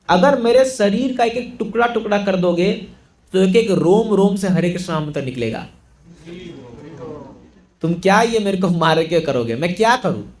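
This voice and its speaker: A man voicing a devout, unshakable saint who speaks earnestly in a retold story. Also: sits high. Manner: earnest, pleading.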